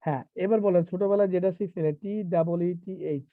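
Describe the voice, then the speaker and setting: A man teaching an IELTS class live online, lively and teasing, mixing English terms into casual speech. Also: high voice, fast talker, no room sound. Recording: tinny phone-like online call, dry.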